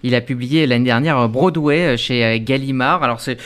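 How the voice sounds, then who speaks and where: A man hosting a morning radio roundtable, relaxed and quick to laugh as he passes the word around. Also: mid-range voice, clean tone. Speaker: radio host.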